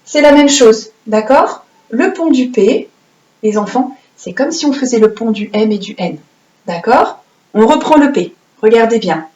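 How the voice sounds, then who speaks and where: A woman with a somewhat high voice teaches young children their handwriting letters. She is patient and encouraging and dictates slowly with playful little sound effects. The recording has a roomy echo. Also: animated, mellow. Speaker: primary school teacher. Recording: roomy echoey room.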